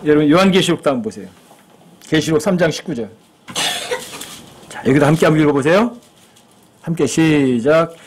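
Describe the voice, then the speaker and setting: A man's voice: fairly high pitch, fairly quick, long pauses, a little hiss or hum. A male pastor preaching a sermon in church, talking conversationally and asking his listeners frequent rhetorical questions.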